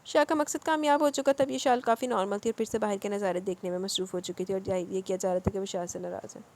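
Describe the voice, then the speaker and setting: A woman narrating a romance novel as an audiobook in a brisk, dramatic reading. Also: medium pitch, steady tone, a little mellow.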